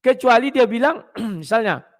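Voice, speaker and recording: A man giving blunt, casual preaching talk to his viewers, clearing his throat often. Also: very high-pitched, lively intonation, moderate pace.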